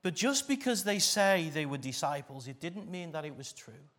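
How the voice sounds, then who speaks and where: British preacher with a Derbyshire accent, higher-pitched man. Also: very animated, normal speed, fairly bright tone. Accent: Derbyshire, English East Midlands. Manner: emphatic, repeats phrases for weight. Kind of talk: church sermon. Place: speaking live to a church congregation.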